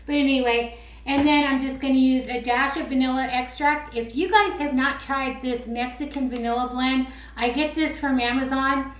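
A woman's voice: high-pitched, steady tone, normal speed. A woman vlogger chatting casually while making a craft, rambling and teasing herself as she goes. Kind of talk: casual how-to chat. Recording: roomy echo with faint clicks.

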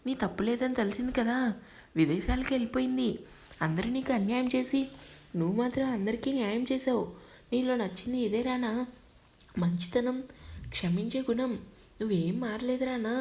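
A woman's voice: fairly high pitch, normal speed, vocal fry, pauses often, darkish tone. A woman doing an earnest old male friend. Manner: earnest, reproachful.

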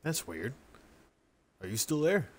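A man's voice: medium pitch, very animated, measured pace. A man livestreaming a video game, chatting casually with a friend and joking around. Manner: joking, rambling, sings snatches of songs. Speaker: gaming livestreamer. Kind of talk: casual gaming chat with a friend.

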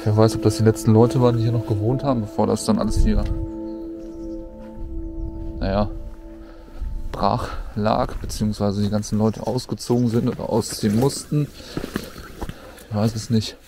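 A man's voice: on the low side, little pitch movement, moderate pace, long pauses, over music. A man giving an informal, colloquial walk-through commentary as a vlogger out and about. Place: mostly outdoors, walking through an abandoned housing estate.

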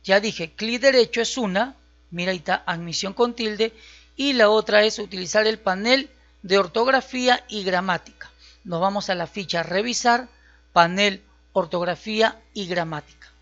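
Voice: medium pitch, moderate pace, a bit bright. An instructor talks through a computer tutorial step by step and keeps checking that listeners are following. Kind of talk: screen-recorded software tutorial. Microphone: voice-over on a screen recording. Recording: slightly dull, lo-fi audio.

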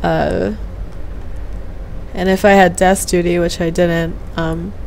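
Gravelly and darkish, a young woman's fairly low voice comes across slow and flat as she chats casually on a game stream. She meanders hesitantly, half muttering into a gaming headset mic in a small home room, and the poor audio has slight background noise.

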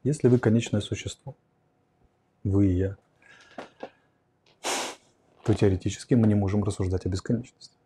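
A man's voice: on the low side, fairly even intonation, normal speed, pauses often, mellow, a little hiss or hum. A man in his forties answering viewer questions on philosophy in a livestream, speaking reflectively and explaining at a whiteboard, recorded on a lapel mic in a curtained studio room. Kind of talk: livestream lecture on philosophy and psychology.

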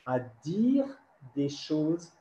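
A man's voice: on the high side, very animated, very slow, dark tone, a little hiss or hum. A man giving a lecture to teachers at an online workshop, explaining step by step and often checking with "d'accord?". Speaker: French teacher trainer. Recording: echoey dull webinar audio.

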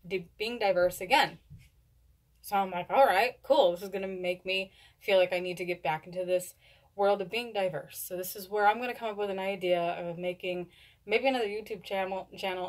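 Young woman vlogger, mid pitch, lip full of dip, rambles and trips over words, just chatting to the camera. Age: young adult. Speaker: video blogger doing a product review. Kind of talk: casual chat to camera. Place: indoors, small home room. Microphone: camera at a short distance.

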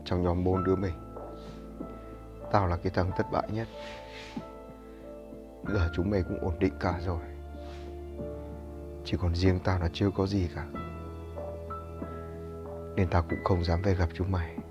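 A worn out young guy saying sorry, deep voice, dull sound, music behind. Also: level tone, measured pace, pauses often. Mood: dejected. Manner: apologetic, weary confiding. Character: young man Hiếu, lonely overworked shop owner. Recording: muffled audio over music.

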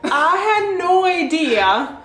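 A woman's voice: extremely high pitch, big pitch swings, takes it slowly, over music. Giggly young woman in an echoey room. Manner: chatty, giggly, fumbles words. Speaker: co-host of a couple channel. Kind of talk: casual chat. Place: living room.

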